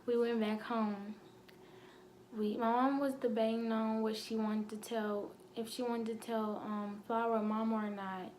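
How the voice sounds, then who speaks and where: Young woman, teary confessional vlog, flat tone, faint hiss behind. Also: on the high side. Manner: halting, many fillers and restarts. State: holding back tears. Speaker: vlogger. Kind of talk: emotional personal story.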